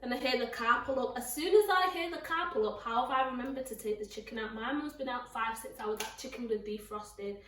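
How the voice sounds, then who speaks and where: A young woman vlogging, telling stories in a lively, laughing way and often jumping into mocking voices. Her voice sits high, and it sounds roomy and a bit distant from the mic. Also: brisk, few pauses, slight background noise. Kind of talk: casual storytelling to camera.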